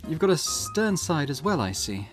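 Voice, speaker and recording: A gaming channel host reads a detective game's dialogue aloud during a let's play, swinging between character lines. His voice is fairly high and sing-song at a normal speed, with game music underneath.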